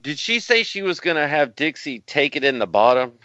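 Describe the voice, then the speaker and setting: A male podcast co-host with a bright, forward voice at medium pitch makes crude wisecracks in casual chat. The track is dry and a little lo-fi. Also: big pitch swings, fairly quick, no echo. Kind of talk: casual wrestling commentary chat. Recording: dull, slightly lo-fi voice track.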